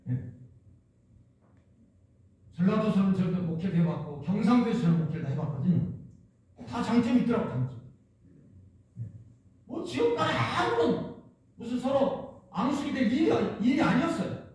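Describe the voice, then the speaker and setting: Casting: a high-pitched male pastor preaching in a booming, distant hall. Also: sing-song, moderate pace, long pauses, a little mellow. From Jeolla region, Korea. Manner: emphatic, repetitive preaching with rhetorical questions. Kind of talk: sermon. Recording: echoey church hall, distant mic.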